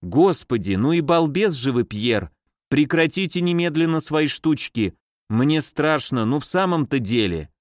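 A man's voice: on the high side, expressive, unhurried, dry recording, studio quality. A man voicing a mannered, easily frightened female nurse in an audiobook. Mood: frightened, scolding. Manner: mannered, fussy, shrieking when afraid.

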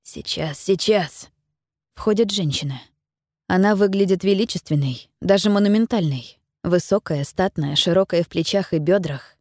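A woman narrates an audiobook in a measured, even storytelling manner. Her voice is fairly low, and the recording sounds dry and close, like a studio booth. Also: dry recording. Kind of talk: scripted narration.

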